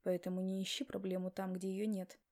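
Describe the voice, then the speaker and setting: A woman voicing a calm, steady brother in an audiobook, speaking in a measured, soothing way. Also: mid-range voice, pitched below the performer's own voice, close to an everyday voice. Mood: reassuring.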